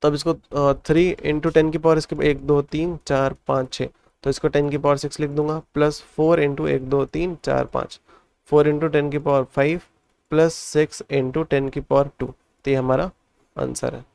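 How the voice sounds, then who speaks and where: A man's voice: fairly high pitch, little pitch movement, normal speed, vocal fry, darkish tone, smooth. A man tutoring a math lesson step by step, counting digits aloud and explaining patiently.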